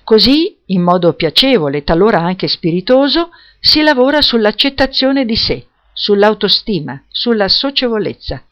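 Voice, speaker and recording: A woman's voice: mid-range voice, sing-song, normal speed, hardly any pauses, lo-fi sound, close to an everyday voice. A woman reading as an enthusiastic dance teacher. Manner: explanatory, persuasive.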